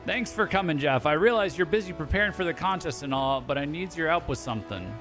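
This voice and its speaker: A man voicing a busy, gruff male cook who talks in a rough pirate dialect, reading game dialogue aloud. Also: on the high side, lively intonation, fast, a bit bright, soft background music. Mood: harried. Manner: rough dialect with dropped words.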